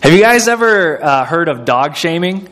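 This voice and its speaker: Young American man, slightly high voice, hesitant preacher-teacher, lots of fillers. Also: very animated, a crowd in the background. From United States. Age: young adult. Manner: halting, with fillers and repeated words; quizzes listeners and waits for answers. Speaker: seminary-trained speaker. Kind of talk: sermon-style talk to a group.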